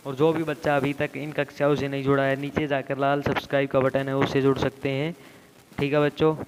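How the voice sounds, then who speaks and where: A man teaching a class lesson to young children, reading the story aloud slowly and deliberately. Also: medium pitch, completely flat delivery. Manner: slow, deliberate storybook reading with frequent "theek hai bachchon". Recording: echoey room with faint background noise.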